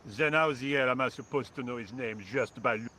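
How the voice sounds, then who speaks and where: A lazy, sarcastic painter with a French accent, played by a man in a video game. The voice is bright and forceful, drawling every line with dry indifference. Faint crickets chirp in the background. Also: medium pitch, fairly quick, slight background noise, lightly acted. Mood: indifferent.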